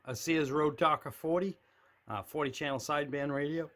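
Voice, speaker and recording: A CB radio hobbyist gives an offhand, unscripted tour of his radio shack, a room lined with shelves of radios, filming with a handheld camera. His voice sits fairly high and a bit bright, with a steady tone at a normal pace. He talks in a plain, matter-of-fact way.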